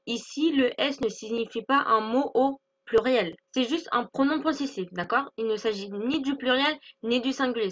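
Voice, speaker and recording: A woman's voice: on the high side, fairly bright tone. A woman teaching an online English lesson, explaining patiently and often checking with "d'accord?". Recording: slightly dull lo-fi audio.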